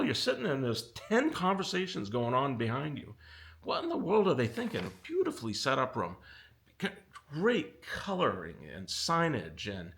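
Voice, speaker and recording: A middle-aged man hosting a casual commentary video, talking with animated exasperation that pushes his pitch up. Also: vocal fry. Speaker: audio company owner and video host.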